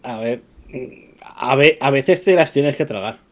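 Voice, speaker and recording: A man's voice: medium pitch, lively intonation, measured pace. A man with an accent from Spain, talking casually as a podcast co-host. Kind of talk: casual chat.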